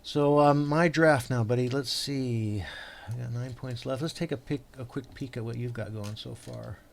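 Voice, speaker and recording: A man hosting a tabletop game session, patiently explaining the rules to his opponent in a halting, rambling way full of fillers and restarts. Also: medium pitch, vocal fry. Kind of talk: casual tabletop game chat.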